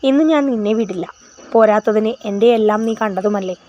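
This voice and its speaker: A bold young woman in a told story, sly and sharp-tongued, voiced by a woman narrator. Her voice is mid-pitched and a bit muffled. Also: brisk, lightly acted.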